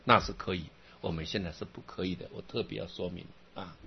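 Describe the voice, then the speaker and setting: A man giving an animated Buddhist dharma talk, telling stories and asking many rhetorical questions. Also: low voice, brisk, creaky, muffled recording, slight background noise.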